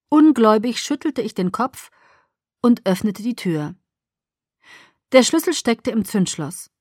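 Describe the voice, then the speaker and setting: A woman reading a first-person story aloud as an audiobook narrator, with even, measured storytelling. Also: medium pitch, dry recording, clean studio sound.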